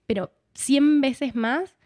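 An Argentine actress, appearing as a guest, chats casually in a conversation, often ending her thoughts with "¿no?" and switching between accents. Her voice sits high and mellow, and she takes her time. The recording is dry, with clean studio sound.

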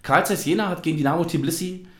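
A man from East Germany hosts a casual football podcast, rambling and reminiscing in a fairly high voice at a fast pace. The sound is roomy and echoey.

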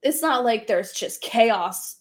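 A woman's voice: fairly high pitch, lively intonation, slow pace. A pregnant woman in her thirties chatting casually as a podcast co-host, laughing often and trailing off into fillers. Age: 30s. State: pregnant, tires quickly. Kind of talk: casual chat.

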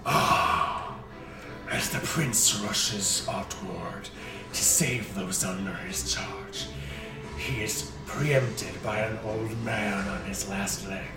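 A man voicing a gloating villainous dragon in a booming, slow and threatening dragon voice for a tabletop game. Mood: menacing, gloating. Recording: roomy, distant mic, music playing.

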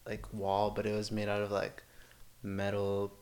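A man's voice: lowish voice, monotone, a little slow, a little mellow. A man in his twenties chatting casually on a podcast with friends, talking like a slangy frat bro. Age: 20s. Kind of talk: casual chat among friends.

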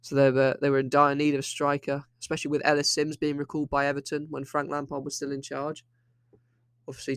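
A man's voice: mid-range voice, clean tone, no room sound, clean studio sound. A young man hosting a solo football podcast, opinionated and rambling, often restarting his sentences. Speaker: podcast host.

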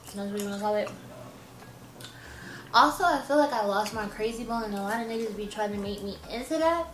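A woman's voice: on the high side, brisk, fairly bright tone, far from the mic, slight background noise. Blunt laughing woman in a roomy echo. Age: 20s. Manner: blunt, laughs often, swears freely. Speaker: podcast co-host. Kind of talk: casual chat. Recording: roomy echo, a bit off-mic.

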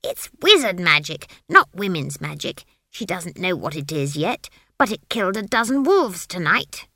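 A woman voicing a sharp-tongued, stubborn old witch who scolds with indignation. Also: lowish voice, sing-song, moderate pace, no echo, studio quality, exaggerated voice. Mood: indignant.

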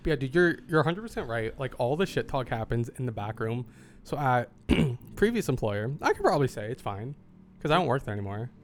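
A man's voice: medium pitch, fairly quick, a little hiss or hum. A man co-hosting a podcast, chiming in with short, joking reactions in casual chat. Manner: brief reactive interjections, lively and joking. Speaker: podcast co-host.

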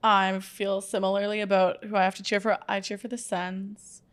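A woman's voice: mid-range voice, level tone, normal speed. A woman in her twenties from Canada, co-hosting a podcast in an upbeat, chatty way. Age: 20s. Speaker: podcast co-host. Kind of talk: casual chat.

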